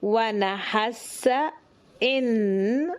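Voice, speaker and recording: Very slow Egyptian Arabic woman. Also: a little high, slight background noise. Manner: repeats each phrase slowly, then gives the English. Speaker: language teacher. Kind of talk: slow phrase drill for learners.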